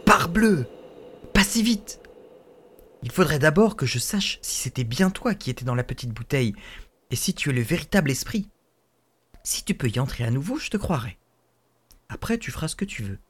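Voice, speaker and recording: A man voicing an eager, cocky young schoolboy in a fairy tale, speaking quickly and self-assuredly. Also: fairly high pitch, sing-song, a bit bright, husky, voice pushed up, heavily acted. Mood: cunning.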